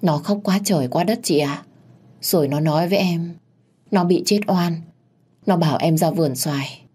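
A woman's voice: on the low side, moderate pace, dark tone, slightly rough. A woman playing a cunning young wife feigning fear. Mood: fake dread.

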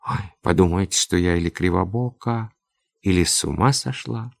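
A man's voice: sits low, moderate pace, vocal fry, dry recording. A man reading aloud, voicing an affected, fussy middle-aged woman in a storybook tale with simpering speech. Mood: flustered.

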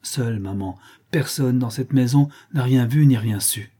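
A man's voice: medium pitch, measured pace, warm tone, breathy edge. A man voicing a dignified young countess in an audiobook, speaking in an earnest, pleading yet firm way. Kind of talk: audiobook character reading.

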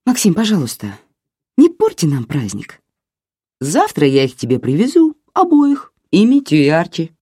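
A reader voicing a calm, confident young woman who gives firm commands and teases. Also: mid-range voice, moderate pace, breathy edge, no echo, studio quality. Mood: teasing.

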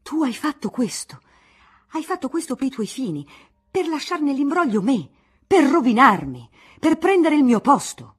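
A woman voicing an exasperated middle-aged politician who shouts his outrage, in a radio reading of a novel. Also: mid-range voice, very animated, moderate pace, husky. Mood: furious.

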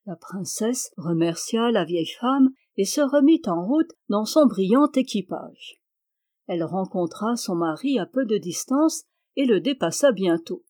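A woman reading a fairy tale aloud in a measured storytelling manner. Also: medium pitch, lively intonation, warm tone. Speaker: audiobook reader. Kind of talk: scripted narration of a fairy tale.

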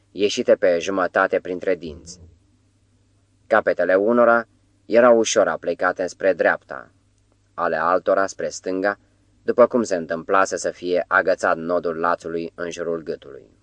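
A man reading a novel aloud as an audiobook narrator, measured and grave. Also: low-pitched, fairly even intonation, dry recording. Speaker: audiobook reader.

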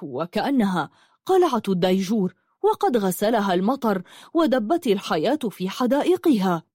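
A woman's voice: mid-range voice, sing-song, normal speed, dark tone, no room sound, clean studio sound. A woman voicing a polite, cautious young man in a storybook. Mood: admiring.

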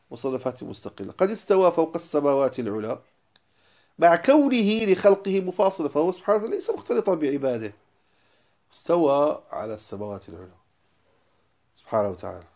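A man teaching as a religious lecturer, explaining lines of a poem and stressing key words before dropping into quiet asides. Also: a little high. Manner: emphatic, stresses single words then drops to quiet asides.

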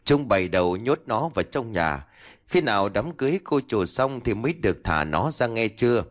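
Man doing a domineering old village woman in a spoken ghost story, scolding and taunting in a low voice that swings widely in pitch, a cruel schemer lording it over the poor. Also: lively intonation, normal speed, a bit bright. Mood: scornful.

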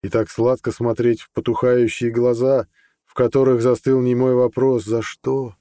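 Man narrating a fantasy audiobook, dark tone. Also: medium pitch, little pitch movement, normal speed, no echo. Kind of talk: scripted narration.

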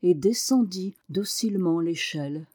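A woman's voice: on the low side, unhurried, slightly rough, dry recording, clean studio sound. Woman reading a novel aloud. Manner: expressive reading. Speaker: audiobook narrator. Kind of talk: scripted narration.

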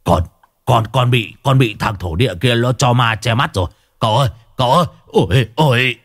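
A man voicing a clumsy, whining male sidekick in a low, deepened voice. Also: lively intonation, normal speed, a little mellow, slightly rough, no room sound, studio quality, full character voice. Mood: panicked.

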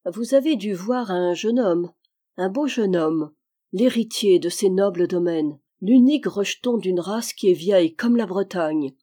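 Old faithful manservant, earnest and loyal, mellow voice, as a woman reads him, audiobook. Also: mid-range voice, a little slow, lightly acted. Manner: earnest, devoted. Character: old faithful male Breton valet.

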